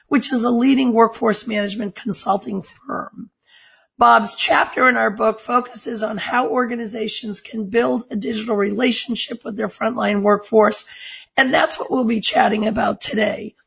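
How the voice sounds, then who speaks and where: A woman podcast host with a very gravelly, hoarse voice that turns squeaky and strained from allergies. She sits fairly high in pitch, and the recording is dull and lo-fi. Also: a bit bright. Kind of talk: interview hosting.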